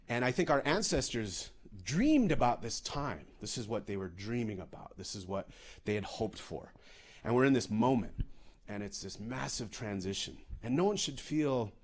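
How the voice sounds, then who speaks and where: A man from Canada giving a comedic storytelling talk, animated and full of restarts and repeated words. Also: on the low side. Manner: animated, many restarts and repetitions. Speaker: public speaker.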